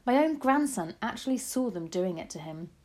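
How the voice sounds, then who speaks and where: A woman voicing a calm, plain-spoken old grandmother in a storybook, measured, firm and matter-of-fact. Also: medium pitch, lightly acted. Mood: patient, insistent.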